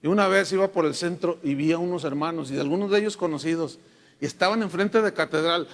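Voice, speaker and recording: A Mexican man preaching a sermon as a pastor, telling humorous stories with lively asides in a church hall. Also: fairly high pitch, fast talker, creaky. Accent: Mexican Spanish. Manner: storytelling, humorous, animated asides. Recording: echoey hall reverb.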